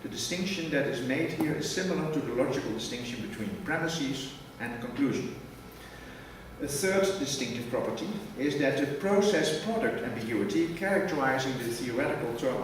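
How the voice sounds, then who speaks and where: Man, formal conference lecture, measured prepared reading, distant mic, big reverberant hall, audible background noise. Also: mid-range voice. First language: Dutch. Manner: measured, reads a prepared text, precise wording. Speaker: academic lecturer. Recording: echoey hall from far off with noise.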